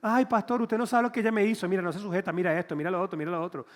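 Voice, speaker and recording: A man's voice: high-pitched, steady tone, racing, in a large hall, lightly acted. A man voicing a whiny husband who rattles off complaints about his wife to the pastor.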